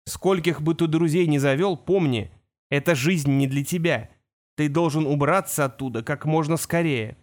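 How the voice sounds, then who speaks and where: A man's voice: a little high, moderate pace, natural voice. A man playing a grave, stern father. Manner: grave, insistent, warning. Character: stern, fearful father, a former wizard. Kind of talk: audiobook character voice.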